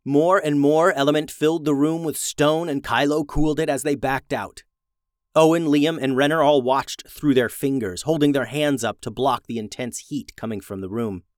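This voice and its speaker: A man's voice: a little high, steady tone, normal speed, no room sound, studio quality. Man narrating a fantasy storybook.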